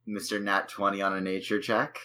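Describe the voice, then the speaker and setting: Bright, blunt-talking man at a game table. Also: on the low side, flat delivery, brisk. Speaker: player. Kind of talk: casual tabletop play.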